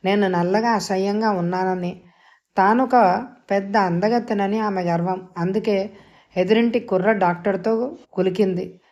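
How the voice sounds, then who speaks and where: A jealous, bitter middle-aged man who pleads and then flares up, as a woman narrator reads him. The voice is mellow and dark in tone. It is a dialogue scene from an audio novel. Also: mid-range voice, steady tone, a little slow, natural voice. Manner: bitter and heated.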